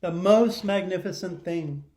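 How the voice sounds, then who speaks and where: His voice is high-pitched, mellow, and a little slow. The middle-aged man is in his living room indoors, leading a children's lesson and read-aloud in simple phrases while often directing questions at young viewers.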